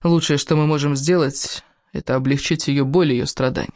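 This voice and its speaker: A man voicing a calm young man who speaks low and gently. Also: normal speed, dry recording, studio quality, lightly acted. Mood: gentle.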